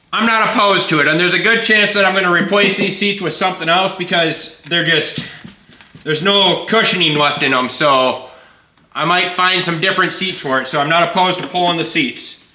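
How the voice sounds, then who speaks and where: A man's voice: high-pitched, moderate pace, sharp tone. A man casually narrating his work on an old truck in his garage, laid-back and plainspoken with casual swearing. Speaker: garage vlogger. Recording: echoey garage with faint noise.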